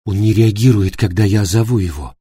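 Scared young woman, hushed and anxious, read by a male narrator with a mellow husky voice. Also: on the low side, a little fast, dry recording, studio quality. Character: frightened young woman tending a wounded man.

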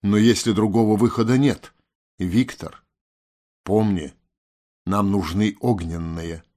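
A young seer girl, nervous and full of guilt, explaining things as if to a slow pupil, played by a male audiobook reader. Her voice sits low and measured. It is a storybook narration. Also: a little mellow. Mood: insistent. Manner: apologetic, lecturing. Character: anxious young female seer, guilty and earnest.

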